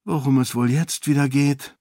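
A man's voice: medium pitch, fairly even intonation, normal speed, warm tone, dry recording, clean studio sound, voice pushed up, natural voice. A man voicing a clever young noblewoman who talks in a coy, falsely innocent way. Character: sharp-witted young noblewoman, sly.

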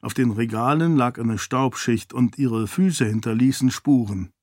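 A man reading a novel aloud as audiobook narrator, in a calm, measured way, lightly voicing the characters. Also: medium pitch, no room sound, studio quality. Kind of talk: scripted narration.

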